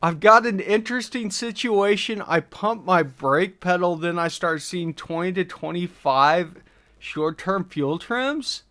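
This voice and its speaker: Animated and sharp-toned, a man with a high voice speaks a little slowly while hosting a livestream. He reads out chat questions about engine tuning and thinks aloud through his responses, using lots of fillers in a relaxed way.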